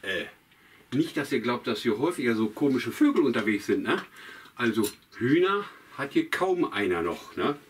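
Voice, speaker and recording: A man's voice: medium pitch, very animated, moderate pace, a little hiss or hum, natural voice. A man voicing Kasper, a cheerful, chatty puppet jester who talks straight to the children in a puppet show. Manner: chatty, addresses children directly, drawn out. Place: outdoors on a town market square. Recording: distant mic, faint guitar music.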